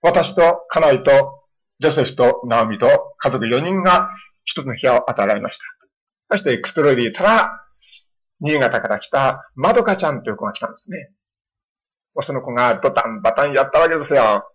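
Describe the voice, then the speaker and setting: Middle-aged man, pastor giving a storytelling sermon, husky tone, animated delivery. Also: medium pitch, a little fast, poor audio. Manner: storytelling with lively voiced quotes of children.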